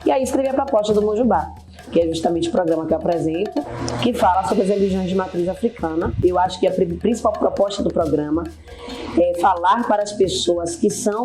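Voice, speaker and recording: A woman with a Bahian Brazilian accent, a TV host giving an earnest, explanatory documentary testimony. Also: low-pitched. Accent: Bahian Brazilian Portuguese. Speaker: TV program host.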